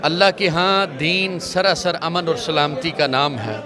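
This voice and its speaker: A male religious scholar answering a reporter outdoors, speaking in a measured preaching cadence and citing scripture. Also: fairly high pitch, a crowd in the background. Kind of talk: street interview answers.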